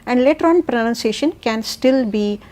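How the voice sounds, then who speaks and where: A woman's voice: a little high, normal speed, warm tone. A woman with a South Indian accent giving a methodical, point-by-point explanation as an education expert on a panel. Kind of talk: explanatory panel talk answering questions.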